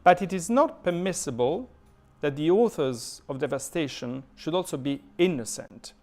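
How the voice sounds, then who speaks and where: A man from southern Italy with an Italian accent giving an adult education lecture, thoughtful, pausing often with fillers and restarting his sentences as he reads and explains quotations. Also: on the high side, expressive, darkish tone.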